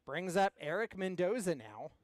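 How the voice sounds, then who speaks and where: A man's voice: high-pitched, big pitch swings, normal speed, dry recording. A man giving live play-by-play commentary as a baseball announcer.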